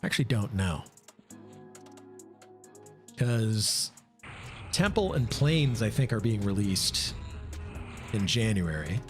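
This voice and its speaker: A man's voice: fairly low pitch, expressive, slow pace, long pauses. Casual man streaming a game over music. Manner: casual, thinks aloud and answers chat, many fillers. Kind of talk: live gameplay commentary.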